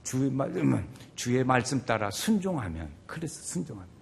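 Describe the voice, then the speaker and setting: A male pastor preaching a sermon, urging the congregation on with animated rhetorical questions. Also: medium pitch, fairly quick, gravelly, big-room sound.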